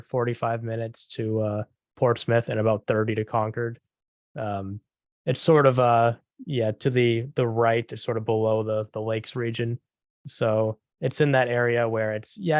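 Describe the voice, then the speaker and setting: A man's voice: mid-range voice, no echo. A man from New Hampshire on a panel, describing his rural hometown in an easygoing, rambling way. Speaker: panel guest. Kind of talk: casual panel chat.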